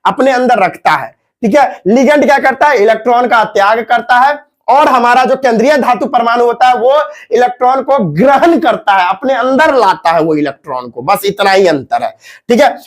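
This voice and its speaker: A man's voice: very high voice, expressive, moderate pace. A man teaching chemistry in a casual classroom lecture, repeating himself and coaxing students to look and listen. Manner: repetitive, coaxing, keeps saying 'dekho' and 'thik hai'.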